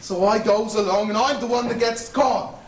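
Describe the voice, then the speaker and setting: A man's voice: high-pitched, fairly even intonation, normal speed, a little hiss or hum, close to an everyday voice. A young man playing a grovelling convict. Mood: nervous rambling. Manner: grovelling, stammering, rambling. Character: fawning anxious male Irish convict hangman. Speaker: student actor. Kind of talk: stage play acting. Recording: echoey stage from far off.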